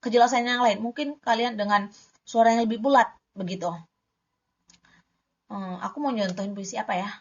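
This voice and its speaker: A woman's voice: on the high side, moderate pace, pauses often. A young woman giving a casual spoken lesson on reading poetry, chatty, stumbling over the S-R sound and correcting herself as she goes. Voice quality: struggles with the S-R cluster. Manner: chatty, self-correcting, demonstrates sounds aloud. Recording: dull lo-fi home recording.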